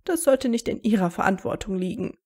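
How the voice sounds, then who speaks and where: A woman's voice: medium pitch, expressive, fairly quick, a little mellow, natural voice. A woman voicing a strict older female professor, clipped and commanding in a story reading. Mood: stern.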